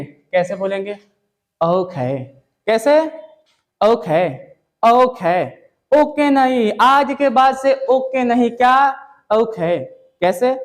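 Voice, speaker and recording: Brief: male teacher with a very high voice, chatty and repetitive, quizzing his class. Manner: repetitive, drilling students with questions; casual, says "yaar" and "bhai". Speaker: English pronunciation teacher. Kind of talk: classroom lesson.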